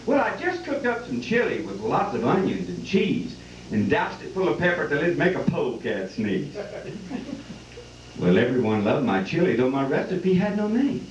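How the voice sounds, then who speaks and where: A man's voice: on the high side, very animated, moderate pace. Folksy cowboy drawl, man, echoey distant recording. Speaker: event host and cowboy poet. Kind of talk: folksy live comic poem recital and announcing. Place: live benefit event before an audience. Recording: distant, echoey, muffled live hall with noise.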